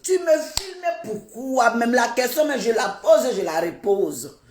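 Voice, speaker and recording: A high, lively woman rants on a livestream. She fires off indignant rhetorical questions, repeats them, and laughs between them. Her voice rings in an echoey room. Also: unhurried. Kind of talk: livestream commentary.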